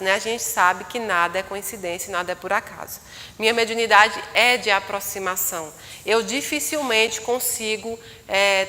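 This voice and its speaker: Bright-voiced woman storyteller in a hall. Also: on the high side. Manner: lively storyteller acting out the people in her story. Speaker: spiritual medium speaking live. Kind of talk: live storytelling talk. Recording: long hall reverb.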